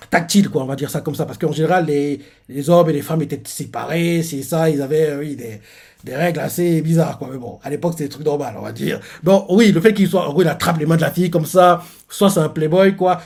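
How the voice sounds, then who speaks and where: Excitable man recapping a manga chapter. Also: fairly high pitch. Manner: rambling, many fillers and restarts, excitable. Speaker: reaction channel host.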